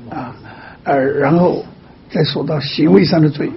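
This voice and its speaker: A man's voice: fairly high pitch, steady tone, unhurried, gravelly, highs cut off. Patient man teaching like a pastor. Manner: patient, teaching, keeps asking 'all right?' softly. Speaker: pastor answering a caller. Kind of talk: pastoral counseling.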